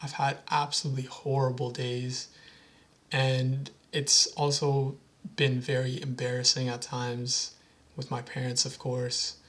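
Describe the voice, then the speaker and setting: A man's voice: mid-range voice, completely flat delivery, unhurried, fairly bright tone. A young man in a casual talking-head vlog, speaking earnestly and rambling with frequent restarts as he motivates himself. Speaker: vlogger.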